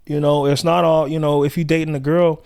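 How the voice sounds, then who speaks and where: A man from South Central Los Angeles, co-hosting a podcast in loose, slangy casual chat, acting out quotes in high put-on voices. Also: flat delivery, a little fast, vocal fry, darkish tone, clean tone, no echo, clean studio sound. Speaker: podcast co-host.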